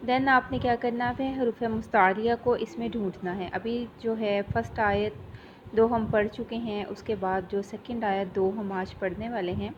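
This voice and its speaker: A female Quran teacher with a Pakistani Urdu accent giving a tajweed lesson. She recites slowly and repeats syllables over and over as a drill. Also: mid-range voice, muffled recording, background noise.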